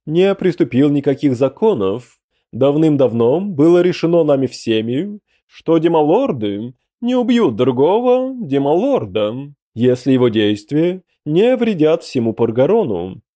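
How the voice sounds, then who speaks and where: A man's voice: on the high side, very animated, a little slow, warm tone, pitched above the performer's own voice. A man voicing a stern, dispassionate demon lord who speaks formally about the law. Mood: impassive. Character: impassive male demon lord, stern lawkeeper.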